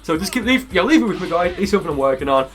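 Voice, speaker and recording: Higher-pitched man doing casual gameplay commentary. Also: very animated, rapid-fire. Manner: rambling, conversational. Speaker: gaming video creator. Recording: music behind the voice. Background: music.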